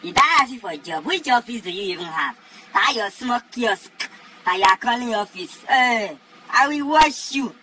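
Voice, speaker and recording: A young man with a Nigerian accent, ranting loudly and shouting in an exasperated comedy skit. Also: sits high, animated, moderate pace, noisy background. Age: young adult.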